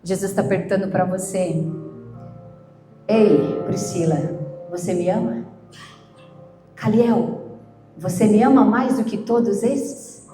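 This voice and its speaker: A woman pastor preaching a sermon, slow and emphatic, shifting between loud outbursts and hushed questions. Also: mid-range voice. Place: church. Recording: echoey church with soft music. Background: soft instrumental music.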